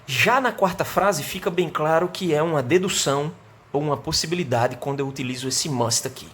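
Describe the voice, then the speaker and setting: A man's voice: fairly high pitch, a bit bright. Brazilian man teaching a remote English lesson. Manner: explanatory, slows down to model example sentences.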